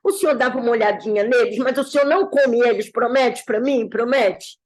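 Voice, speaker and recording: Doting storybook owl mother, hurried and pleading, voiced by a woman. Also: fairly high pitch, darkish tone, lightly acted. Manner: pleading, fast.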